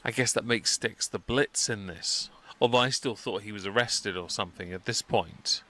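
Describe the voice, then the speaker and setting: A man's voice: on the low side, normal speed, pushed and bright. A man giving wry, wordy commentary as a political livestreamer.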